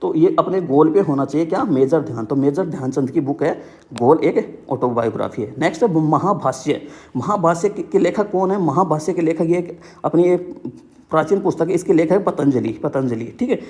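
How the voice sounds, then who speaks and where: A man's voice: fairly high pitch, animated, moderate pace, mellow. A young man teaching exam book lists in a casual, repetitive way, with memory tricks and frequent check-ins. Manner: repetitive, keeps saying "ठीक है".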